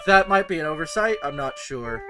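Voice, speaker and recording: A streamer chatting casually while playing a game, rambling and trailing off softly. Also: medium pitch, lively intonation, brisk, loud music behind the voice.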